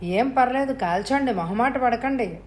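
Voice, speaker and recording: A woman voicing a calm, cold-blooded young male killer with a harsh, unhurried, menacing voice. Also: a little high, a little hiss or hum, voice pushed up, close to an everyday voice.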